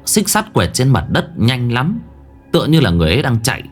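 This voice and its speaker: A man's voice: medium pitch, huge pitch swings, fairly quick, faint music behind. Man narrating a horror story. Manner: dramatic, suspenseful delivery.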